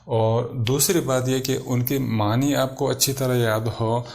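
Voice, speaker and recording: Man, English teacher, vocabulary lesson, slow repetition, mid pitch. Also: fairly even intonation, a little mellow. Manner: slow, repeats each English word then gives its meaning.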